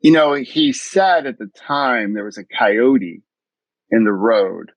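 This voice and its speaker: Animated yet taking his time, a middle-aged East Coast man speaks in a mid-range voice over a dry, muffled recording. He's a mindfulness coach guesting on a podcast, and in the interview he tells his story earnestly and thoughtfully, often starting his sentences anew.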